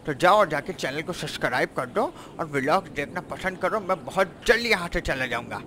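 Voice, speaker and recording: Loud traffic and engine noise fill the background as a man with a Pakistani Urdu accent, his voice a little high, animated and fairly quick, does casual in-character game roleplay. A gaming vlogger and roleplayer, he is brash and teasing, calling his viewers his sons.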